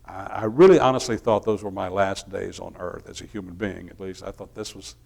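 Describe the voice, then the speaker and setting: Male minister, middle-aged, lower register; easygoing storytelling sermon with loose restarts. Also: fairly quick, creaky. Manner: relaxed, folksy storytelling with frequent restarts.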